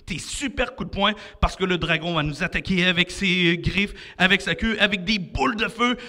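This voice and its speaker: A young man with a Québécois French accent coaches children through an energetic martial arts workout. His voice sits high and rings very bright, and he keeps cheering, counting down and urging them on. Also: moderate pace. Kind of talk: energetic kids' adventure workout class.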